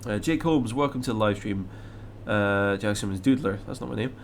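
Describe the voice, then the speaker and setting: There's slight background noise as a young flight sim streamer from Scotland talks at normal speed in a voice on the low side. His Scottish accent has a slight English mix, and he casually reads out viewer questions, rambling with many fillers and restarts.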